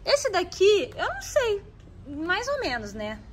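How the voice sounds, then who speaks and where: A woman's voice: extremely high pitch, unhurried, a little hiss or hum. A woman with a Brazilian Portuguese accent chatting to viewers in a shopping vlog as she browses a stationery store. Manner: animated, talks to viewers while browsing.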